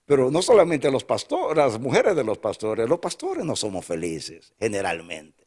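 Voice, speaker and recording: An older man preaching a sermon as a pastor, emphatic and repetitive, dropping now and then into soft asides. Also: mid-range voice, huge pitch swings, moderate pace, slightly rough.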